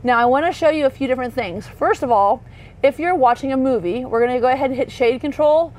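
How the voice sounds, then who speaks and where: A woman's voice: high voice, fast, a little mellow. A woman, an RV sales associate, giving a thorough walkthrough tour inside a parked motorhome, talking chattily with fillers and self-corrections. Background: faint hum of air conditioning.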